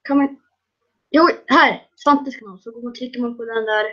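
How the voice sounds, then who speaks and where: Excitable high-voiced young woman gamer. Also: dull audio. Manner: excitable, bursts into loud shrieking laughter. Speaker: gaming video creator. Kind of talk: casual gaming commentary.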